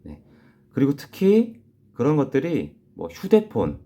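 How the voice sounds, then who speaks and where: A man teaching young children in a recorded class, gently repeating key phrases slowly so they can write them down. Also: mid-range voice, huge pitch swings. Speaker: elementary school teacher.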